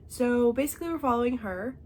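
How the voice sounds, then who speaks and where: Talking quickly and expressively, a young woman with a congested, darkish-toned voice on the high side reviews the books she's read in a chatty way. She keeps checking in with "okay?" as she goes. Slight background noise is audible.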